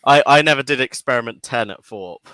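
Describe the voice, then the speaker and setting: A man co-hosting a podcast, talking casually about a visit to a scare maze. His tone is bright and forceful, at a middling pitch. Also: brisk, clean tone, no room sound. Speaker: podcast co-host. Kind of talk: casual chat.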